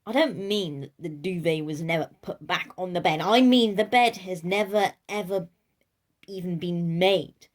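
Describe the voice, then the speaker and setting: Speaking straight to her listeners, a woman gives a playful, theatrical reading of a children's storybook, keeping the narration animated. She has a lowish voice and a slightly slow pace.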